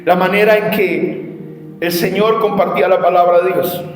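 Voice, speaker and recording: A man preaching a passionate sermon, rising to shouted challenges and dropping to quiet stories. His voice sits a little high and rings in a long echoey hall, with faint music underneath. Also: steady tone, normal speed. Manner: passionate, shifts between shouting and quiet storytelling. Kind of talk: evangelism seminar sermon.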